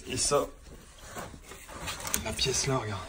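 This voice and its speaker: Chatty plumber on a noisy site phone video. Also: male voice, medium pitch, slow. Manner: chatty and informal, keeps saying "tu vois" to the viewer. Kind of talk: casual on-the-job how-to. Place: indoor building site under renovation. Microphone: phone held in hand while working. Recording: noisy handheld phone recording on a work site.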